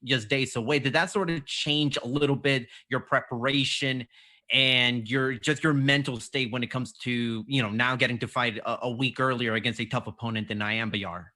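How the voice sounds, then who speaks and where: A male reporter on a video call with a mid-pitched, bright and forceful voice. He opens politely and builds his question at length. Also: fairly even intonation, moderate pace. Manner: polite, long winding question.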